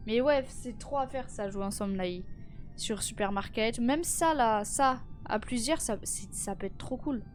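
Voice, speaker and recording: Chatting casually with her live stream viewers, this teenage girl has a slightly high voice and sounds tired and stuffy from a cold. Her talk is full of fillers and restarts.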